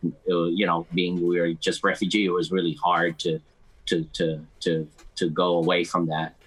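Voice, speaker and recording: A man speaking casually as an interview guest, halting and often repeating words as he goes. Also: deep voice, little pitch movement, a bit bright, slightly rough, rough recording. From United States, Cambodian American community. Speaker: podcast guest. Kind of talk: casual interview chat, mixing Khmer and English.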